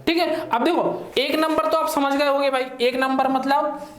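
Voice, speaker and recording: A man's voice: extremely high pitch, fairly even intonation, moderate pace, noisy background. Chatty male teacher in an echoey room. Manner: chatty, keeps checking in with listeners. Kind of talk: online exam-prep lesson.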